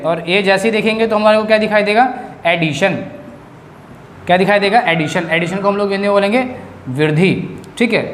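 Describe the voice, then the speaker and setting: Man, economics teacher, quizzing students in quick bursts, roomy echo, faint ambient noise. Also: sits high. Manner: drilling students with quick questions. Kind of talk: classroom-style lecture. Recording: echoey room.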